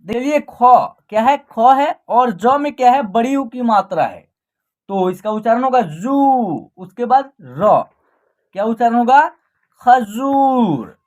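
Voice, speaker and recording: A woman's voice: on the high side, animated, unhurried, dull audio. A woman teaching an online reading lesson, patiently explaining and drawing out each syllable as she pronounces example words. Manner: patient, repeats "ठीक है ना", draws out sounds when pronouncing.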